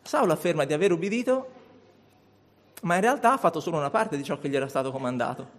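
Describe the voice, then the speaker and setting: A man preaching a sermon in a church, reading a Bible passage aloud in a measured, deliberate way. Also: fairly high pitch, expressive.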